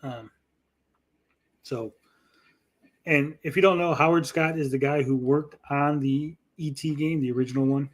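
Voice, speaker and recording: Brief: male commentary host, voice a touch high, swears freely, emphatic and indignant. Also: fairly even intonation, measured pace, long pauses. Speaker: host commenting on a played recording. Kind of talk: casual, profane commentary.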